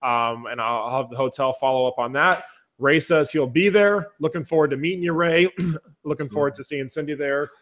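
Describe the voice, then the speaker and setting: A man hosting a casual webinar, energetic and enthusiastic as he talks to his viewers, his voice going hoarse. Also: medium pitch, moderate pace. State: losing his voice. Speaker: webinar host.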